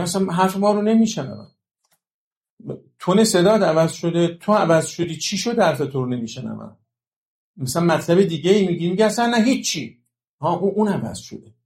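A man's voice: a little high, darkish tone, echoey room. A man giving a religious talk on education, explaining points and checking in with rhetorical questions to his listeners. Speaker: religious lecturer.

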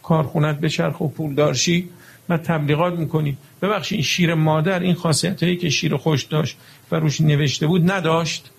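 A man's voice: on the high side, vocal fry, husky. A male preacher giving a religious lecture, emphatic and full of rhetorical questions to his audience.

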